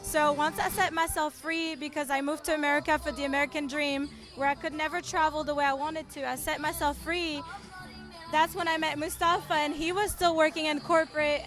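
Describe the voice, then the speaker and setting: A woman's voice: high voice, a bit bright. A woman from France, a guest at an outdoor park event, explaining things with enthusiasm. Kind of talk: casual interview at an outdoor event. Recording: music playing behind.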